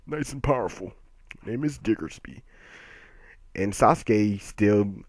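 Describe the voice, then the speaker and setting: A man casually reviewing a comic chapter, excitable and self-correcting, swearing and laughing at himself as he goes. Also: fairly low pitch, no echo. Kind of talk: casual unscripted review commentary.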